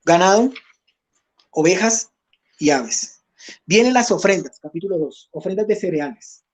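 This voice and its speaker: A man's voice: high-pitched, expressive, a little slow. A man teaching an online Bible study class, reading scripture aloud and checking in with his listeners.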